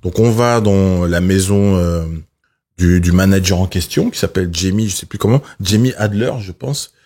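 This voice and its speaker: Lower-voiced middle-aged French man, storytelling. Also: moderate pace. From France. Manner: lively anecdotes, acts out the people he quotes. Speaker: guest, music journalist. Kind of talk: casual storytelling chat.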